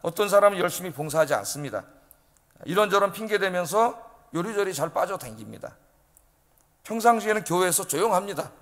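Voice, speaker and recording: A male pastor preaching in a fairly high voice, pressing his points hard and tossing rhetorical questions at his listeners. His words ring out with the long reverb of a church sanctuary. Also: expressive, a little fast, fairly bright tone. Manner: emphatic preaching, often prodding the congregation with rhetorical questions. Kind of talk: sermon.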